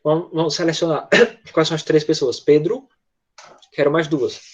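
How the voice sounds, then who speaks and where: Leading an English lesson online, a Brazilian-accented man patiently takes pupils through repetition and often checks in using quick tag questions. His voice is fairly high-pitched and husky.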